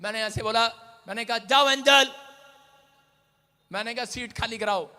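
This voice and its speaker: High-voiced man preaching a fiery sermon. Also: fairly even intonation, fast, smooth. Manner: swings between shouted exhortation and quiet storytelling. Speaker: pastor.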